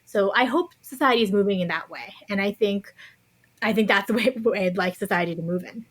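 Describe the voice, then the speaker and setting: A woman with a mid-range, fairly bright voice talks fairly quickly. She's an author appearing as a podcast guest, explaining her views conversationally in a thoughtful, carefully qualified way.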